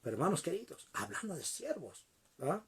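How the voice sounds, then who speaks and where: A man preaching a sermon, telling a story in an animated way and addressing the congregation directly. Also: high voice, fairly quick, vocal fry.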